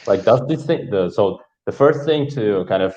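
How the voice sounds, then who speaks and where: A guest from Kazakhstan, Russian by first language, speaks casually over a video call in a hesitant, philosophical way with lots of fillers. His voice sits on the low side, expressive and a little mellow, at a moderate pace, through dull lo-fi call audio.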